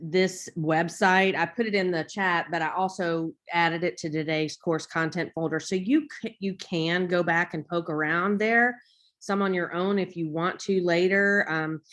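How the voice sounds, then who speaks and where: American lady teaching an online class, kinda low voice, rambles and backtracks a lot. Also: a bit bright. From United States. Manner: rambling, self-interrupting, conversational asides. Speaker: lecturer. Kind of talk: informal online lecture.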